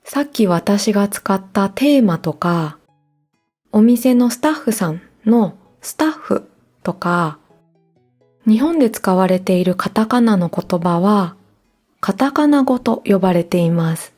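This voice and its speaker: A woman hosting a Japanese-language learning podcast, explaining words in a clear, gentle, scripted way over soft guitar music. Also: mid-range voice, expressive, measured pace. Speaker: podcast host.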